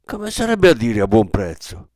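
Man voicing an aging grocer, bitter, grumbling, irritable, lively pitch, dry sound. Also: normal speed, no room sound. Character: grumbling aging male shopkeeper, bitter, gloomy. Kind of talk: dramatic radio reading.

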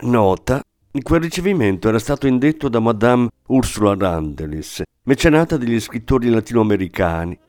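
A man's voice: medium pitch, animated, normal speed, a little mellow, soft background music. Reflective male audiobook narrator. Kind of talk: scripted literary narration.

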